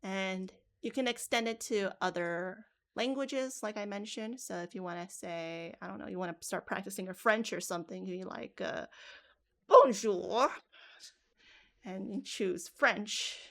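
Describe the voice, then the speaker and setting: A woman's voice: medium pitch, moderate pace, hardly any pauses. A woman running a live coding workshop for teachers, casual and talking through each step aloud with frequent restarts. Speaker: teacher trainer.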